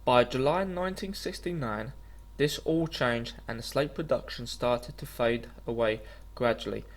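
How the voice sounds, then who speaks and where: A man reading a scripted travel documentary voice-over in an earnest, slightly stumbling way. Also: medium pitch. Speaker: vlogger narrating a walking trip.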